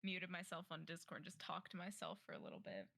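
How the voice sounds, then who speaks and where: Chatty lower-voiced woman streamer. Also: big pitch swings, quick pace, gravelly, pushed and bright, dry recording. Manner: chatty, giggly, playful. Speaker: streamer and player. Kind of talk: casual chat.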